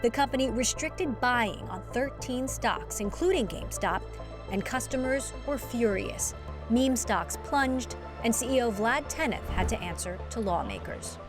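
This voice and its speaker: A woman hosting a business interview, asking questions and narrating the introduction in a crisp, scripted way. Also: a little high, expressive, a little slow, over music. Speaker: host.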